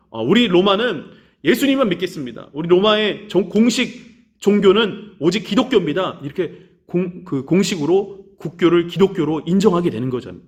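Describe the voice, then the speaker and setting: A man preaching a children's sermon in a church, telling a story animatedly and acting out the voices of the people in it. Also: fairly high pitch. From Korea. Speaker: children's pastor.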